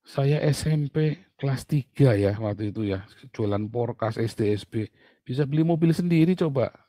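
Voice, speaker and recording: Male preacher, conversational sermon, anecdotal and animated, mid pitch, dry room. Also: moderate pace, dry recording. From Indonesia. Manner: animated, storytelling with asides and laughs.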